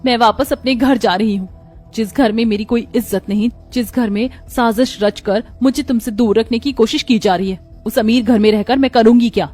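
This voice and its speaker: A woman's voice: a little high, normal speed, a little mellow, soft background music, close to an everyday voice. A woman voicing a proud, poor young bride who speaks firmly and indignantly. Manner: indignant, firm.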